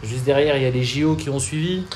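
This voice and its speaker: A man's voice: medium pitch, fast talker. Laid-back young man, echoey room. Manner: relaxed, rambling with fillers and slang. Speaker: podcast co-host. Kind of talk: casual chat. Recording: echoey room, faint ambient noise.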